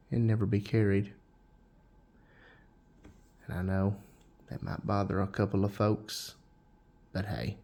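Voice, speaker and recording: A man hosting a casual show-and-tell vlog, folksy and unhurried, with frequent restarts. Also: lowish voice, a little mellow. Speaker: knife channel host.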